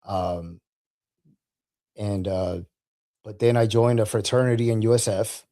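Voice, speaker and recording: A man, an Army veteran guest, talking casually in an interview, halting and repeating words, laughing as he tells stories. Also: fairly low pitch, steady tone, warm tone.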